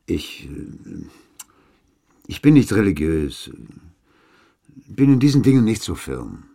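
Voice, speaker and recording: A man's voice: lowish voice, very animated, takes it slowly, gravelly, dark tone, full character voice. An actor playing a baffled, sceptical man who puts pointed questions in a radio play.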